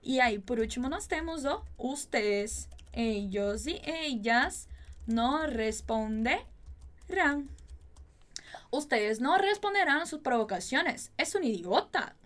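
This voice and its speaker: High-voiced woman teaching Spanish. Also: expressive. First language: Portuguese. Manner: slow, exaggerated drill phrasing, chatty asides. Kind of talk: language lesson with drills.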